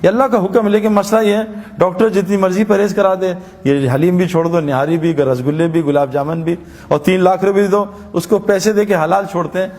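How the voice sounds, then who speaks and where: A man's voice: high voice, fairly even intonation, darkish tone, big-room sound. A man preaching a sermon, telling stories and acting out their dialogue in an earnest manner. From Pakistan. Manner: storytelling, earnest, acts out dialogue.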